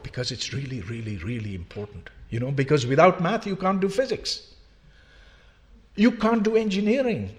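Slight background noise sits behind this older professor from Pakistan, who has taught for many years. His voice is a little high and moves at a moderate pace as he lectures the public emphatically, posing one rhetorical question after another.

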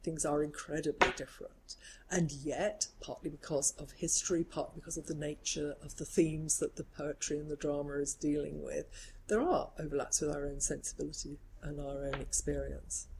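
A woman scholar talking in a measured, reflective way, building long careful sentences in an academic discussion. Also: low-pitched, warm tone, rough recording. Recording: faint background noise.

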